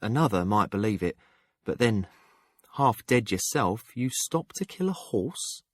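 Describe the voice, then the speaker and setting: A man's voice: lowish voice, expressive, measured pace, no echo, studio quality. A man voicing a blunt, shrewd middle-aged townswoman who reads palms, speaking frankly in an audiobook. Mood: troubled. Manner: frank and sharp-tongued. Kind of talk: audiobook character voice.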